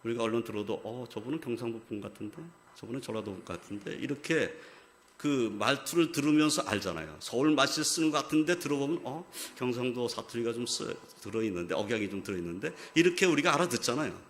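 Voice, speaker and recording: Man, pastor, Sunday sermon, mid-pitched voice, explanatory delivery, emphatic stress on key words. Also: a bit bright. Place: church sanctuary.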